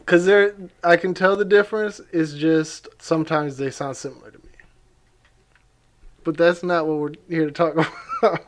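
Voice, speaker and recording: A man's voice: a little high, steady tone, normal speed. A man co-hosting a podcast in casual chat, laughing often and protesting playfully. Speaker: podcast co-host.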